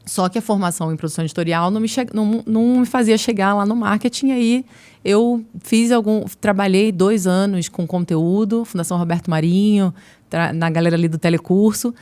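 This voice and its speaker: A marketing executive in her forties from Niterói, Brazil, speaks casually and briskly as an interview guest in a mid-range voice. Her Rio de Janeiro Portuguese accent has been softened by years in São Paulo. An animated storyteller, she acts out bits of quoted dialogue.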